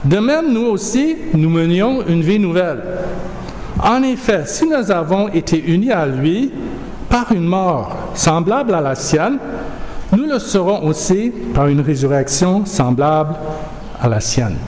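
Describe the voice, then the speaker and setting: A man preaching a sermon and reading scripture aloud, with a measured, emphatic delivery. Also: high-pitched, very animated, a little mellow, slight background noise. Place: church hall. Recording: echoey hall, faint ambience.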